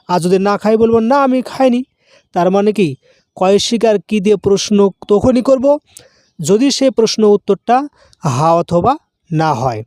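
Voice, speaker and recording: High-voiced man teaching grammar. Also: darkish tone, dry recording, studio quality. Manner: explains slowly with spoken examples. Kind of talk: grammar lesson.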